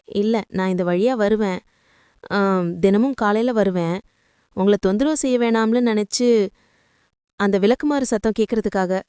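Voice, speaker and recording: A woman's voice: medium pitch, unhurried, pauses often, warm tone, clean tone, dry recording, clean studio sound, close to an everyday voice. A woman voicing a tired, polite young male delivery rider who speaks earnestly and a little hesitantly.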